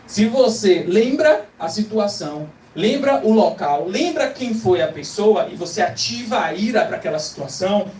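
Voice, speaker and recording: A man's voice: sits high, slight background noise. A man with a Brazilian Portuguese accent preaching a motivational sermon to a live audience, emphatic and full of rhetorical questions. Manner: emphatic, rhetorical questions, acts out quoted voices. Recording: echoey hall, distant mic, faint ambience.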